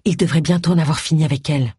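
A woman voicing an anxious young woman in an audiobook, talking hushed and quick. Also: sits low, fairly even intonation, husky, no room sound, studio quality.

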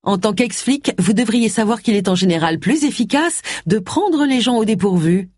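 A brash woman detective from an audiobook, lifted above the reader's own pitch, talking in brisk, cutting lines, as a woman reader puts her on. The voice is a little husky and dry, with lively swings of pitch. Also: no echo. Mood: brisk, sharp. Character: sharp-tongued middle-aged woman detective, brash.

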